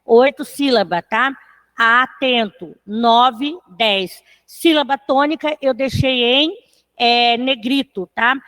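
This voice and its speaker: A woman's voice: a little high, slow, a bit bright. A woman teaching a literature class online, counting syllables aloud and checking in with her students after nearly every phrase. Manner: talks to students, with a tag question after most phrases.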